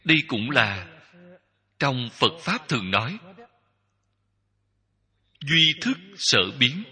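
A man giving a Buddhist dharma talk as a teacher, speaking in slow, measured short phrases that repeat. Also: mid-range voice, very animated, bright, forceful tone, breathy edge. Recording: long hall reverb.

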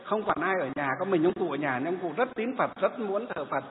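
A male Buddhist monk tells a story in a sermon, animated and fond of repeating himself. His voice sits a little high. It comes through thin and phone-like, ringing in a reverberant hall. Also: brisk, slight background noise. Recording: tinny phone-like sound in an echoey hall.

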